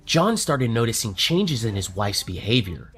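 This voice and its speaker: Lively dramatic documentary narrator. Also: medium pitch, normal speed, breathy edge. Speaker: show narrator.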